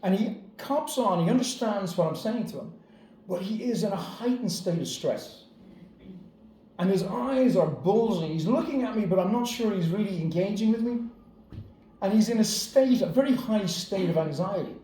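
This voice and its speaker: A man's voice: sits high, animated, normal speed, warm tone, slight background noise. A man telling a personal anecdote dramatically, building suspense. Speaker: storyteller. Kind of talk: personal anecdote told to an audience. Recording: roomy echo.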